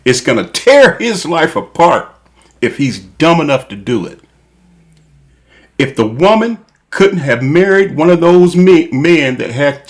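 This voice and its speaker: A man delivering an opinion monologue as a channel host, emphatic and repetitive, spelling his points out deliberately. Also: a little high.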